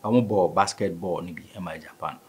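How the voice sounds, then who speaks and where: A husky, low-pitched male voice at normal speed belongs to a man in his thirties with a Ghanaian West African accent. He is a guest in a sports interview, speaking conversationally and mixing Twi and English. The setting is a small indoor studio, with a studio microphone on a table stand.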